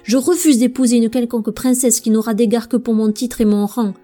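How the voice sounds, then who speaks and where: A woman's voice: a little high, fairly even intonation, normal speed, mellow, faint music behind, close to an everyday voice. A woman voicing a furious young prince. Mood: defiant. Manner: indignant, raised voice.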